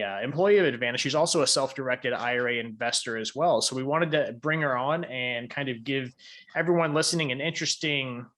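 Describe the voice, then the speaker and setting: A man's voice: medium pitch, a bit bright. Casual male podcast host, conversational. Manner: loose and conversational, with frequent fillers. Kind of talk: podcast interview and scripted explainer segments.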